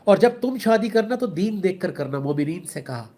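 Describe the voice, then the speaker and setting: A man's voice: high-pitched, lively intonation, dark tone. A man with a Pakistani accent giving an earnest religious talk, explaining with everyday examples and mixing in English words. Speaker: Islamic speaker.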